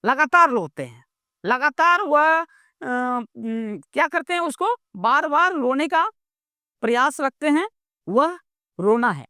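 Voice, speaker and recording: An Indian woman teaches a grammar lesson unhurriedly, posing questions and answering them herself and repeating points to make them stick. Her high, lively voice is recorded close and dry, with no echo.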